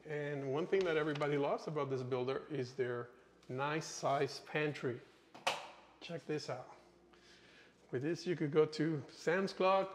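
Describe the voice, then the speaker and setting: Inside an empty new house, a real estate agent with a fairly high-pitched voice gives a casual walk-through, his informal pitch frequently capped with "okay." A little hiss or hum sits under the audio, along with the echo of the empty house.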